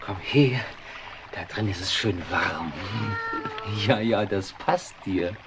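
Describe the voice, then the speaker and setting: In a 1970s radio play, an actor voices a middle-aged writer who is kind but flustered, bumbling along and talking to himself in a lively way. His voice is lowish and slow, with music in the background.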